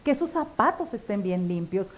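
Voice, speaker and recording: A woman teaching church teachers how to tell children's stories, talking to the listener directly and with expressive tone. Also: medium pitch, normal speed. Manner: warm, expressive, addresses listener directly as friend. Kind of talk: instructional talk.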